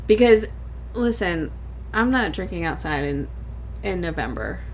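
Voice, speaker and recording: A woman's voice: lowish voice, lively intonation, measured pace, background noise. Chatty podcast host woman. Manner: chatty, laughs often. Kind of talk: casual podcast chat.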